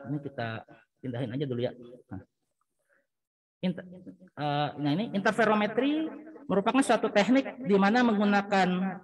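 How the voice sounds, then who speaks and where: A man giving a university physics lecture, explaining patiently, often pausing with fillers and searching for words. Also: high-pitched, low-quality recording. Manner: patient explaining, checking in with frequent "ya".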